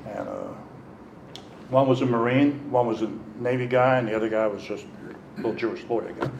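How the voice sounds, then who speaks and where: A man's voice: medium pitch, fairly quick, gravelly. A middle-aged man speaks candidly about his past at a recovery meeting, switching into the voices of the people in his story. The room is echoey, and a faint hiss sits under his voice. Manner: candid, animated, acts out quotes. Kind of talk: personal storytelling.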